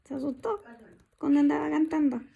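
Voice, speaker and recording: A woman's voice: high voice, steady tone, a little fast, vocal fry, warm tone, muffled recording. A woman teacher with a Chilean accent, reading a story aloud in an online lesson and explaining new words with simple examples. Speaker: primary school teacher.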